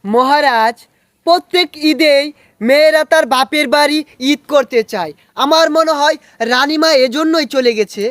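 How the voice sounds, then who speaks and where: Someone doing a high-voiced groveling minister, dry close sound. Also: moderate pace, fairly bright tone, no room sound. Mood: fawning. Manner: fawning, says 'Maharaj' again and again. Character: groveling comic male minister.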